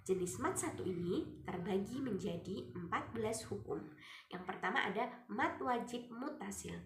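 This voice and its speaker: A woman, a student, explaining recitation rules step by step and drawing out the example words slowly. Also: medium pitch, expressive. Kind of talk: recited tajwid lesson with Quran examples. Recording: echoey room, faint music behind.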